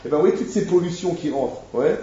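A man gives an informal Torah lesson, speaking animatedly, posing rapid rhetorical questions and addressing his listeners directly. His voice is fairly high, mellow and brisk, with lively intonation. The room recording is echoey and dull.

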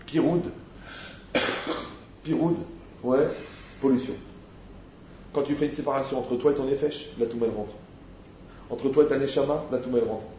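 Man giving an animated Torah lesson. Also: medium pitch, slight background noise. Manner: animated, rhetorical questions, addresses listeners directly. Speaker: Torah teacher. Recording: echoey, dull-sounding room recording.

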